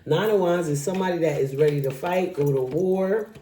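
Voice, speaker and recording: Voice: mid-range voice, brisk, dark tone, slight background noise. A tarot reader casually talking through a card spread, speaking straight to the viewer in a chatty way. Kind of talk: casual tarot reading to camera. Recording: echoey room.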